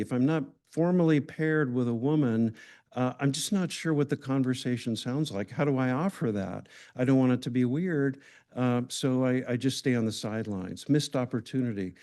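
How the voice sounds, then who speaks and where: A man's voice: mid-range voice, moderate pace, dark tone. A man giving a conversational, engaging lecture to a hospital audience, often asking the room questions. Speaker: grand rounds speaker.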